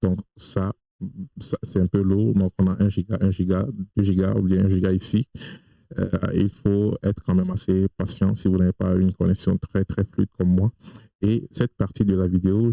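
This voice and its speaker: A man presenting a screen-recorded software tutorial, talking hesitantly with many fillers and restarts, not a native French speaker. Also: deep voice, little pitch movement, moderate pace, gravelly, dry recording, poor audio.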